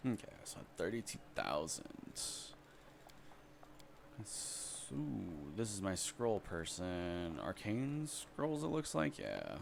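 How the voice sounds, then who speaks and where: A man's voice: low voice, big pitch swings, takes it slowly, gravelly, background noise. A man hosting a casual let's play, reading item descriptions aloud and muttering asides as he shops. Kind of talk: casual gameplay commentary.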